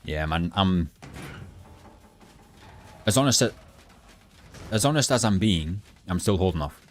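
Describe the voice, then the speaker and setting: A young man streaming a game, chatting bluntly and rambling with halting restarts to his live chat. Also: sits low, lively intonation, faint music behind. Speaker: gaming livestreamer.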